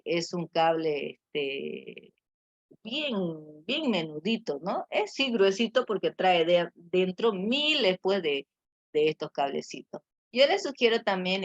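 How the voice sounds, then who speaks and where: A woman's voice: lowish voice, no room sound. A woman teacher giving a class lecture, with many fillers and tag questions. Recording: muffled lo-fi audio.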